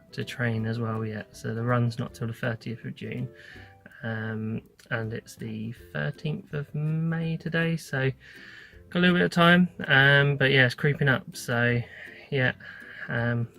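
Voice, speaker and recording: A British man in his thirties talks casually to his phone in a parked car. His medium-pitched voice stays fairly monotone, with a noticeable gravelly fry. He is unscripted and a little hesitant, in the way of an everyday vlogger. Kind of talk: casual vlog talk to camera. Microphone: phone at arm's length.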